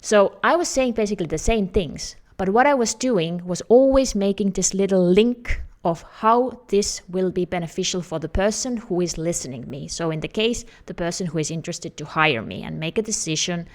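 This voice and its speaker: A job search coach in her thirties with an Estonian accent talks straight to camera in an advice video. Her voice is on the low side and animated, at normal speed with few pauses, and her earnest explanations carry non-native phrasing.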